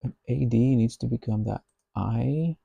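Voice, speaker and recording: Slow, gravelly man musing to himself. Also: mid-range voice, warm tone, no echo, lo-fi sound. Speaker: software developer. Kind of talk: thinking aloud while coding.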